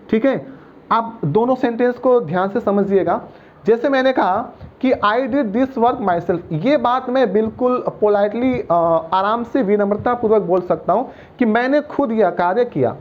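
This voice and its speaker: A man's voice: extremely high pitch, dull audio. A male teacher giving a patient grammar lesson, repeating each point and checking that students follow. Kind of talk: grammar lesson explaining at a board.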